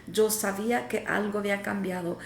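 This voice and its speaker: A woman's voice: medium pitch, steady tone, a little fast, creaky, slight background noise. A woman co-host earnestly sharing her personal testimony, hesitating often with fillers. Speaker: podcast co-host. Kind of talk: casual faith talk, personal testimony. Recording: echoey room, faint ambience.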